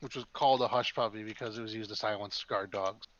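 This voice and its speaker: A man's voice: on the low side, steady tone, fast, fairly bright tone, highs cut off. A man co-hosting a podcast in casual chat, rambling and making jokes. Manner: rambling, joking. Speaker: podcast co-host.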